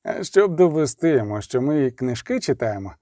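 A man voicing a cold, menacing young nobleman who speaks with ominous calm and sneers. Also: medium pitch, fairly quick, dry recording, clean studio sound, close to an everyday voice.

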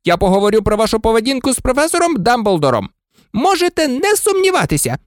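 A reader voicing a stern, furious older female professor scolding students in a high, sharp voice. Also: big pitch swings, fast, dry recording, studio quality, close to an everyday voice. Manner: scolding, clipped outrage.

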